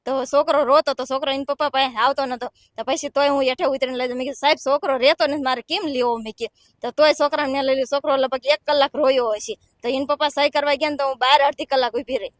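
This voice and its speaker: High-voiced distressed woman. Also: fairly even intonation, fast, no echo, studio quality. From Gujarat, India. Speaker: villager interviewed. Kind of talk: emotional testimony.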